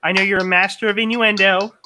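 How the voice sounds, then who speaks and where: A man's voice: sits high, flat delivery, fast talker, background noise. A man in a comedy troupe, mock-indignant and teasing, improvising a sketch over a video call.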